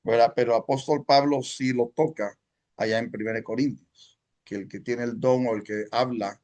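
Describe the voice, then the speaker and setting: A man's voice: mid-range voice, steady tone, normal speed, darkish tone. A man from El Salvador teaching a Sunday school class at church, speaking conversationally and often checking in with his listeners. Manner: mixes in English words.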